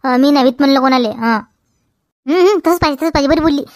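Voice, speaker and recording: A woman's voice: sits high, fast, no echo, studio quality, natural voice. A woman with a Vidarbha Marathi accent playing a quarrelsome village wife who argues back and repeats her questions in a comedy sketch. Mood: gossiping. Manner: argumentative, repeats questions, tags "हा?".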